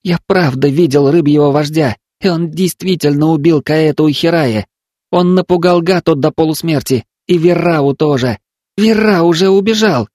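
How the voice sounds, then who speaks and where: A man's voice: on the high side, normal speed, no echo, clean studio sound, pitched above the performer's own voice, lightly acted. A man voicing a frightened, stubborn young village boy who pleads on the edge of tears in an audiobook. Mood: tearful.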